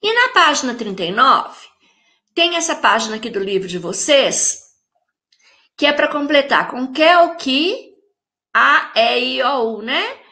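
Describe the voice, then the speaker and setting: A woman's voice: sits high, lively intonation, a little slow, bright, forceful tone. A woman with a Brazilian Portuguese accent teaching a remote lesson to young children, speaking patiently and stretching words out syllable by syllable while she repeats the rules and checks in with the class. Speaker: primary school teacher.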